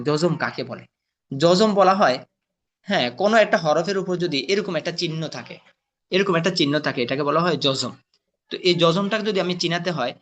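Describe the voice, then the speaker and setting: In this patient classroom session on Quran letter reading, the man slowly sounds out each letter and tests his students with questions. His voice sits on the high side, with a fairly bright tone.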